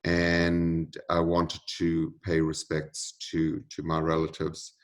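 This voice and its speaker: Slow, very deep-voiced man. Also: monotone. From United States. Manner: measured, solemn. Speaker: interview guest. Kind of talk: interview answers.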